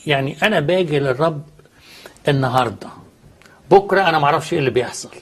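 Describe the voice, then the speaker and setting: Egyptian man, studio guest, husky, quick, earnest teaching tone. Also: fairly high pitch, animated. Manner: earnest, teaching with questions he answers himself. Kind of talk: explaining faith in a studio talk.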